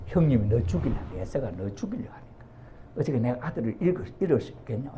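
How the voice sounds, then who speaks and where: This is a worried mother from a retold bible story, pressing her son in a low, hushed voice, as a man narrating puts her on. The tone is mellow and dark. The pitch still moves about a lot. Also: sing-song, quick pace, a little hiss or hum, close to an everyday voice. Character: anxious mother quietly scheming for her younger son.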